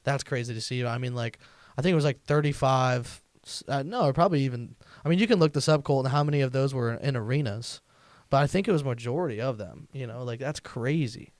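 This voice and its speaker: A man hosting a comedy podcast, chatting loosely with lots of fillers and a quick laugh. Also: medium pitch, dry recording. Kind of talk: casual chat.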